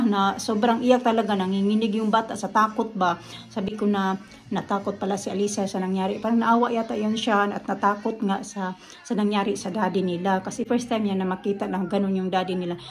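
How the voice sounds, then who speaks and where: A woman's voice: mid-range voice, level tone, a little fast. A woman from the Philippines, a family vlogger, telling a story in casual chat and often talking straight to her viewers. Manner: chatty storytelling, often addresses viewers directly.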